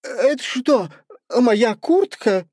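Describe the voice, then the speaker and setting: A blustering, accusing townsman from a storybook, as a male narrator puts him on, loud and indignant. His pitch leaps about expressively while he speaks slowly and heavily. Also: sing-song, dry recording, clean studio sound. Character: indignant middle-aged townsmen accusing a thief.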